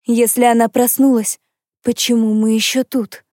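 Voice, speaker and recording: A man's voice: high voice, little pitch movement, measured pace, mellow, dry recording, studio quality, voice pushed up. A man voicing an anxious young sorceress in an audiobook, explaining things in a worried, earnest way.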